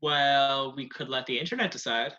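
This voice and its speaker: A man's voice: mid-range voice, moderate pace, sharp tone, lo-fi sound, lightly acted. A man playing a laid-back, scheming casting assistant who talks in a breezy, offhand way in an online amateur comedy sketch. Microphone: video call.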